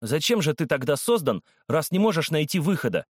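A man's voice: on the high side, very animated, fairly quick, no echo, studio quality, pitched above the performer's own voice. A man voicing a loyal, hot-tempered schoolboy who speaks emphatically in a storybook. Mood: reproachful.

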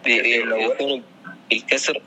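A young male student with a strikingly bright, sharp-edged voice answers his teacher in short replies. He also recites text aloud in class. Faint background noise runs underneath. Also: mid-range voice, level tone, takes it slowly, rough recording.

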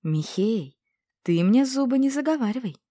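A woman's voice: fairly high pitch, lively intonation, moderate pace, dry recording, studio quality, voice pushed up. A woman doing a fierce, bossy witch. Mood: commanding. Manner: sharp and commanding.

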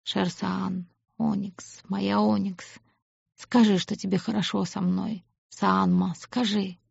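A woman voicing a tender lordly man murmuring softly to his lover, in an audiobook. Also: mid-range voice, steady tone, slow, vocal fry, breathy edge, dry recording, muffled recording, exaggerated voice. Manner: soft, murmuring.

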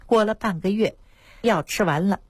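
Woman, radio doctor, storytelling, husky, dry studio sound. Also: medium pitch, moderate pace, dry recording. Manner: lively storytelling, acts out patients' quoted words. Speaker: traditional Chinese medicine doctor on radio. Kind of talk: radio health talk with storytelling.

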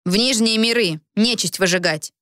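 A sharp-tongued young woman speaks bluntly with a cutting edge. A woman reads her in her own mid-pitched voice, close and dry. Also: normal speed, dry recording, lightly acted. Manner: sarcastic, cutting.

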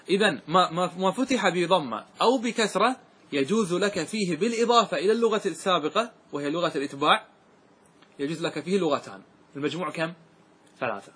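A man with a high, slightly bright, breathy voice teaches Arabic grammar to a class, explaining a verse text. He repeats examples, recites verses in a raised voice, and keeps asking questions to make sure his students follow.

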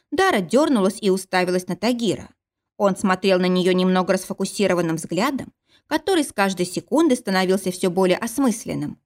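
A woman reading a fantasy romance audiobook in a measured, even narration. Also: fairly low pitch. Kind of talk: scripted narration.

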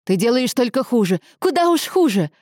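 A woman's voice: on the high side, moderate pace, dark tone, no echo, clean studio sound, pitched above the performer's own voice, lightly acted. A woman reading an audiobook, voicing a hurt, furious young woman who cries out in tears. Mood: distraught.

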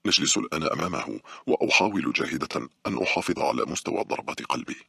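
Deep raspy guy reading a horror story fast, dry close sound. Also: expressive, sharp tone, dry recording. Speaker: audiobook narrator. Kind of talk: scripted audiobook narration.

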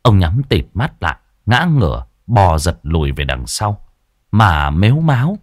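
A man narrating a ghost story in a dramatic, animated storytelling manner. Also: deep voice, measured pace, dry recording, clean studio sound.

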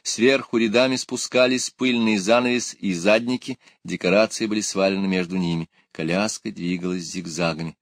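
A man's voice: lowish voice, moderate pace, few pauses, dry recording, clean studio sound. A man narrating an audiobook in a dramatic reading style. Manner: dramatic, lifts his voice for shouted lines.

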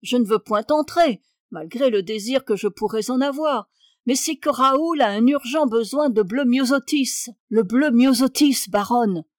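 A woman voicing a fawning gentleman with a fluting voice, apologetic and pestering, in a read-aloud novel. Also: on the high side, measured pace, no echo, studio quality, natural voice.

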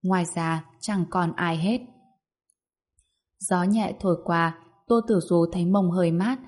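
Low-voiced woman storyteller. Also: a little slow, a little mellow. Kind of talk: scripted story narration.

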